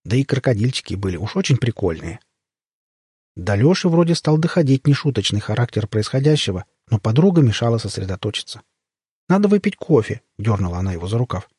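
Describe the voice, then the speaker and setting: A man narrating a humorous story in a wry, expressive reading voice, with a husky tone. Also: lowish voice, fast talker, no echo, clean studio sound. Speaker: audiobook narrator.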